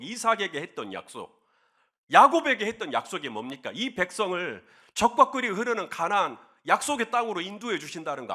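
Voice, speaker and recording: A man's voice: fairly high pitch, bright, forceful tone, full character voice. A man preaching who voices Moses pleading earnestly with God through urgent questions. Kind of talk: sermon.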